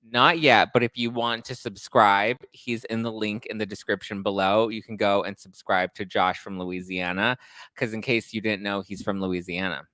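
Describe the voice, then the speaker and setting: A man's voice: lowish voice, steady tone, moderate pace, bright, forceful tone, dry recording, clean studio sound. A man hosting a pop culture podcast in an upbeat, teasing, gossipy chat. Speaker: podcast host. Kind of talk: casual chat.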